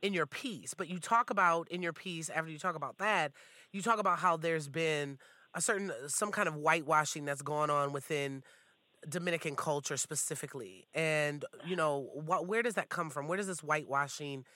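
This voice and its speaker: Male co-host, strikingly bright tone, slightly high voice, thoughtful questioner. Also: no room sound. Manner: reflective, builds questions slowly with restarts. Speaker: podcast co-host. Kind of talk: casual podcast chat.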